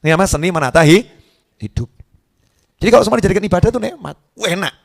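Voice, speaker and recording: A man's voice: sits high, lively intonation, very fast, gravelly. A middle-aged male preacher, giving a joking, conversational sermon to a live audience.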